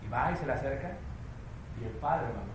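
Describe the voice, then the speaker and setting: A man preaching a sermon with a Mexico City accent, swinging between loud emphatic declarations and low confiding asides. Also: lively intonation, brisk. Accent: Mexico City Spanish. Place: church hall. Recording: very echoey church hall with faint noise.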